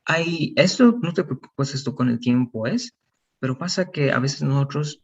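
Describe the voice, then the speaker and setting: A man's voice: medium pitch, normal speed, distant mic, dull audio, slight background noise. A man teaching an English pronunciation lesson, patient and encouraging, mixing Spanish explanations with English examples.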